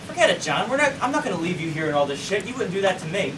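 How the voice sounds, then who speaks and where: An actor playing a loyal, hot-headed police sergeant who talks bluntly and curses. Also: male voice, sits high, sing-song, crowd noise. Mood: insistent. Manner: quick, blunt, profane. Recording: distant mic, noisy with rain.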